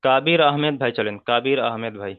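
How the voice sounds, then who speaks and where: A man's voice: medium pitch, quick pace, clean tone, no room sound, phone-quality sound. A man teaching a Quran reading class online, with a Bengali accent, patiently repeating rules and checking that students follow.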